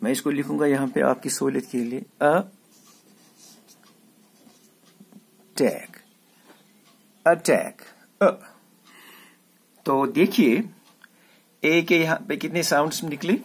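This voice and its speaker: A man teaches a class, taking his time and drawing out each point. His voice is slightly husky, and he says key words again and again so students catch them. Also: on the high side, steady tone. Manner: slow, explanatory, repeats words for emphasis. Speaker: English teacher. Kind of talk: classroom lecture mixing Hindi and English.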